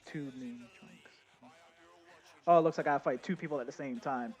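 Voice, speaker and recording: A young man giving casual, excitable live commentary while playing a game, talking straight to his chat. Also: medium pitch, normal speed. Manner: chatty, excitable, addresses chat as y'all. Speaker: game streamer.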